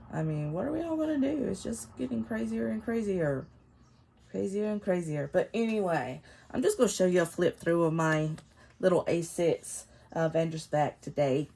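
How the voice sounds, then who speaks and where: A planner vlogger in her fifties sits in a chair at home, chatting casually while nursing a cold that leaves her nasal and congested. She rambles and laughs often, her voice lowish and slightly mellow. Faint construction noise from the neighbors drifts in.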